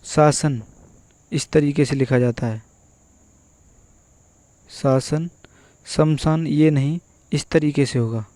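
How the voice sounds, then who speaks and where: A man teaching an exam-prep spelling lesson, going through word after word and repeating each one slowly and methodically. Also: on the high side, warm tone, no room sound. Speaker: Hindi teacher.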